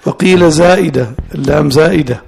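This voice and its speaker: A man teaching a classical law text as sheikh, explaining slowly and repeating his student's words. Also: a little high, creaky, a little mellow, soft background music. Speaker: sheikh teaching Hanafi fiqh.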